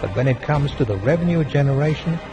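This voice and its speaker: A man reading a scripted documentary narration in a measured, formal way. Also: on the high side, lively intonation. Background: music.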